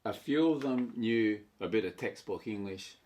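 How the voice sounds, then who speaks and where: A man's voice: lowish voice, normal speed, a little mellow. Older Australian man reminiscing. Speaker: guest. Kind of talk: casual storytelling interview.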